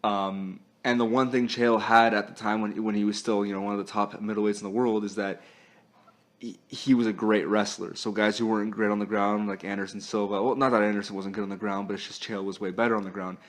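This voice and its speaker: Man, podcast host, casual sports chat, low voice, chatty. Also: little pitch movement, fast. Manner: chatty, laughs often, filler-heavy.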